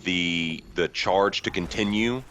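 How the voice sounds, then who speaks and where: A man's voice: low-pitched, slow, fairly bright tone, slight background noise. A man giving casual, joking play-by-play commentary on a video game. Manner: joking, conversational. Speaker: esports commentator.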